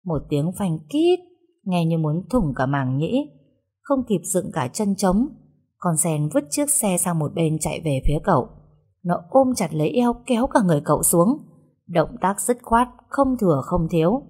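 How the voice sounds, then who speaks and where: A woman narrating a comic audio story in a lively manner. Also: fairly low pitch, moderate pace, breathy edge.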